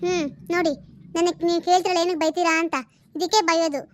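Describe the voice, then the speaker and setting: A woman's voice: very high-pitched, little pitch movement, quick pace, a little hiss or hum. Woman voicing a nagging cartoon mother. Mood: complaining. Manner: sharp-tongued, nagging, threatening. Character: scolding middle-aged mother of grown daughters. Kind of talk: cartoon family drama.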